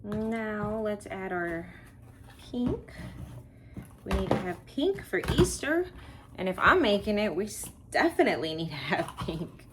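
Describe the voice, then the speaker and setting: A woman's voice: medium pitch, sing-song, a little slow, heavy background noise. A woman from Texas hosting a wreath-making tutorial, chatting casually and thinking aloud as she works, with rambling asides. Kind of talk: casual crafting tutorial, talking while working.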